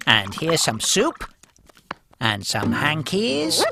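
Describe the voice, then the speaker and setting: A calm, caring male penguin, as a woman voices him in a children's cartoon. His voice swings widely in pitch while he stays soothing and kind. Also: takes it slowly, gravelly, exaggerated voice. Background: music.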